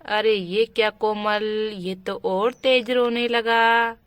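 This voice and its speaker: A woman's voice: mid-range voice, steady tone, slow pace, smooth, no echo, close to an everyday voice. A woman voicing a concerned young father in a doll storybook, soothing and fussing over his child.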